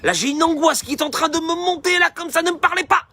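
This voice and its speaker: A man's voice: extremely high pitch, fast, sharp tone, voice pushed up. A man voicing a newborn baby in its crib, whining about being fed in a fretful, complaining way.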